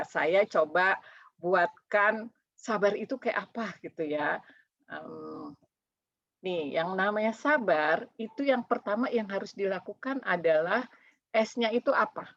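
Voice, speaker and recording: A woman leading an online Islamic study group, reading out replies and acting out quoted voices in a lively way. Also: medium pitch, no room sound, highs cut off. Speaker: religious study teacher.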